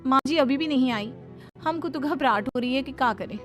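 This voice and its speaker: Lady doing sweet simple new bride in a cartoon, kinda high voice, caring and respectful. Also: brisk, faint music behind, natural voice. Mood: worried. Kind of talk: cartoon moral-story dialogue.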